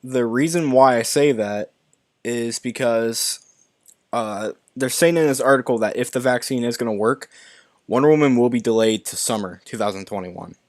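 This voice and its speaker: A man's voice: mid-range voice, moderate pace, no echo, studio quality. Stumbling young man reading movie news. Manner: stumbling, restarting words, reading articles aloud. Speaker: YouTube movie news host. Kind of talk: live-stream news reading and commentary.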